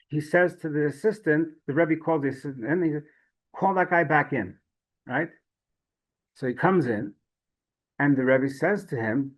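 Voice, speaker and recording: A man with a fairly high voice teaches a Torah class through stories. He talks in a chatty, conversational way, often restarting his sentences. His pitch rises and falls in a lively way. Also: low-quality recording. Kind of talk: storytelling Torah lesson.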